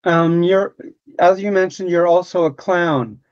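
A man's voice: sits high, unhurried, highs cut off. A man from Hungary hosting an interview over a video call, asking brief questions. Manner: brief, asks plain questions. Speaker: interview host. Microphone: video call webcam.

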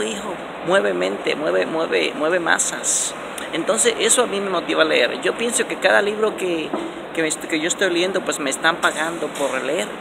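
Holding his phone close at arm's length in a concrete underground station, a self-help vlogger in his forties talks in a gravelly, mid-range voice. He's emphatic and repetitive, with many restarts and rising pitch on stressed words, while station hum fills the noisy recording.

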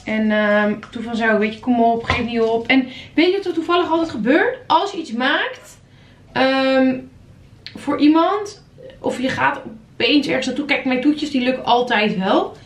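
A woman's voice: high-pitched, normal speed. Chatty young woman in an echoey kitchen. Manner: chatty, animated, addresses viewers as guys. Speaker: vlogger. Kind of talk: casual cooking vlog chat. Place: home kitchen.

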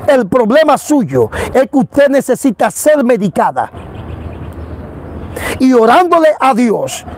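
Male preacher, very high voice, chatty anecdotal sermon, faint noise behind. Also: very animated, slow pace, darkish tone. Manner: conversational, storytelling, mimics people he quotes. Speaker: apostle preacher.

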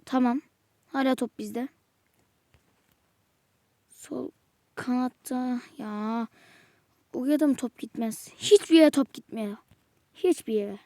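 A woman's voice: high voice, slow pace, long pauses, dark tone, dry recording. A woman giving exasperated live commentary while playing a football video game, muttering to herself and snapping at the game. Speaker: gamer.

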